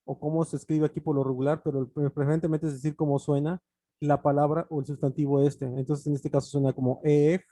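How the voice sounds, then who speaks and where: A man's voice: on the high side, flat delivery, fast talker, mellow, no echo. A man teaching an online English grammar lesson, explaining patiently with frequent fillers and restarts.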